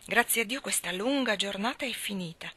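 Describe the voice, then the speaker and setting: A woman's voice: medium pitch, fairly quick, a bit bright, slightly rough. A woman voicing a contented female house cat, relieved that the day is over, in a storybook reading. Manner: satisfied, relieved sighing.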